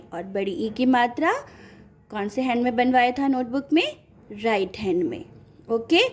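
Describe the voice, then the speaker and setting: A woman teacher giving a lesson to children, speaking slowly and clearly, asking questions and answering them herself. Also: a little high, darkish tone. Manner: slow, clear teacherly speech.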